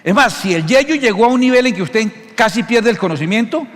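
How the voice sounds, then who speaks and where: A middle-aged male pastor preaching a sermon, teaching in an animated, jokey way and often checking that listeners follow. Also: very high-pitched, a little fast. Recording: long hall reverb.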